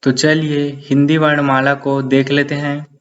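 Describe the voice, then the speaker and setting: A man's voice: on the high side, flat delivery, unhurried, a bit bright, dull audio. A man teaching a grammar lesson, repeating each definition and often calling his viewers friends.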